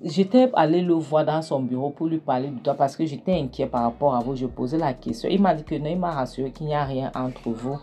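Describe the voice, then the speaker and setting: A woman's voice: low voice, a little fast, hardly any pauses, mellow, slight background noise, natural voice. A woman voicing an upset young daughter pleading her innocence to her mother. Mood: insistent. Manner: pleading, emphatic denials.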